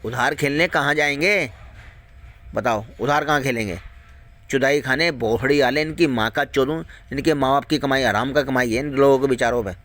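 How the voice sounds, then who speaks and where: A man of medium pitch and fairly bright tone speaks at a normal speed. Acting as a video host with a warning, he rants angrily and profanely at viewers, restating his points repeatedly and firing off one rhetorical question after another.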